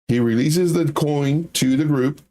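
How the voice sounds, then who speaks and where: Speaking at a measured pace in a mellow, slightly high voice, this crypto trading commentator runs a livestream with casual chart talk. His delivery is blunt and forceful, with phrases repeated for emphasis.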